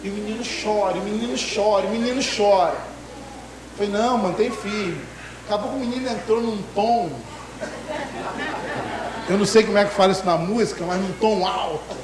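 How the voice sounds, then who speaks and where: A man preaching a sermon in an emotive way, swinging between loud outbursts and hushed asides. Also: high-pitched, a little fast, roomy sound, crowd noise, poor audio.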